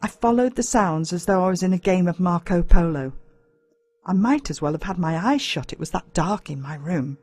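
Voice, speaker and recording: An Australian woman tells a scripted children's story in the first person, making it dramatic and full of suspense in audiobook-narrator style. Her somewhat low, slightly mellow voice moves with lively intonation at a normal speed. No room sound is audible.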